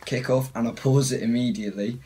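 A man's voice: mid-range voice, steady tone, a little fast, warm tone, husky, faint music behind, low-quality recording. A British man giving a casual, rambling, self-mocking voice-over on his own football gameplay. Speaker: gaming channel host.

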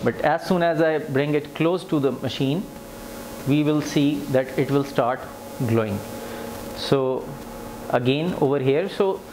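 Poor audio captures this man's somewhat high, slightly mellow voice. He's a physiotherapy instructor in his thirties, giving an unscripted, plain step-by-step equipment demonstration in an indoor clinic room with a tiled floor, filmed by a camera with clear background noise.

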